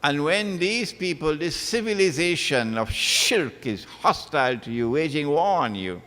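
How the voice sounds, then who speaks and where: An Islamic lecturer with a fairly high, expressive, pushed and bright voice speaks unhurriedly in a religious lecture. He is emphatic, repeats his phrases, and recites Arabic verses, all within a long hall reverb.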